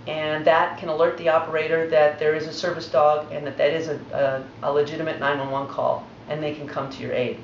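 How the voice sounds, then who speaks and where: A woman's voice: sits low, a little hiss or hum. A woman dog trainer giving a patient, methodical demonstration lesson. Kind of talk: instructional demonstration. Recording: roomy, distant, dull recording.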